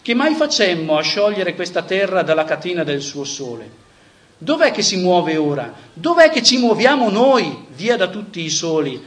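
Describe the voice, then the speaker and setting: A man's voice: high-pitched, sing-song, moderate pace, fairly bright tone, pitched above the performer's own voice. A man reading aloud the lines of a frantic madman who cries out to a crowd, in a raised, impassioned voice.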